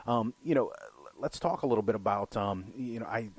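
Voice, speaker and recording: A man's voice: fairly low pitch, a little fast, breathy edge, dry recording. A man co-hosting a film podcast, rambling and swearing freely, with lots of "you know". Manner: rambling, profane, heavy use of "you know". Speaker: podcast co-host. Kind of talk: casual film chat.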